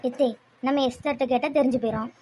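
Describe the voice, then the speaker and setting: A woman's voice: sits high, steady tone, fast talker, a little mellow, a little hiss or hum, close to an everyday voice. A woman playing young female relatives in a family skit, talking earnestly and pleadingly.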